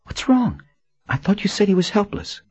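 A male narrator voicing a frightened young woman in an audiobook, raising his voice high and whispering urgently. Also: very animated, moderate pace, darkish tone, slightly rough, no room sound, highs cut off, exaggerated voice. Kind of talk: audiobook character voice.

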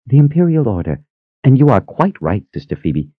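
A man voicing a demure, mild-mannered woman, a religious sister, who speaks softly and agreeably. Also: mid-range voice, very animated, normal speed, husky, dry recording, phone-quality sound, pitched above the performer's own voice. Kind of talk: audiobook character voice.

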